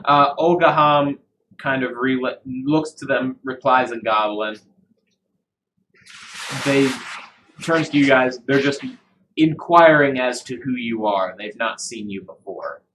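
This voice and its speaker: Man narrating a tabletop game, bright tone. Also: mid-range voice, slow, a little hiss or hum, low-quality recording. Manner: relaxed, conversational narration with fillers. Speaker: dungeon master.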